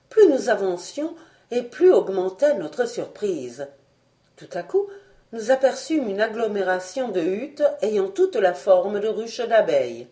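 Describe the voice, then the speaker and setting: A woman reading an audiobook aloud as scripted narration, measured and expressive. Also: medium pitch. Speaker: audiobook reader.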